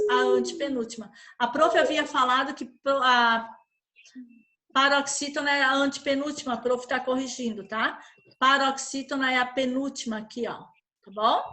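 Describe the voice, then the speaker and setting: Woman, Brazilian accent, primary school teacher, online class, high voice, bright tone, patient, checks for understanding. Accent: Brazilian Portuguese. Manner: patient, uses diminutives and checks with "tá?". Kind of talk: online class explaining worksheet.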